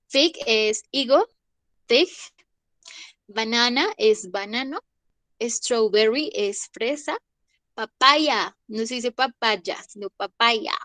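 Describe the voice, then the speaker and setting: A young woman, teaching an English vocabulary class online. She goes slowly, says each word twice and checks in with the class. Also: a little high, a bit bright, no echo. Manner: slow, repeats each word and asks "¿listo?".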